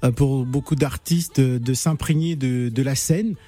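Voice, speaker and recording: A man's voice: medium pitch, measured pace, dark tone, faint music behind. A man from Cameroon hosting a radio show, chatting with callers and a guest in a jovial, teasing way. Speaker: radio host. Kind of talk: casual radio chat with callers.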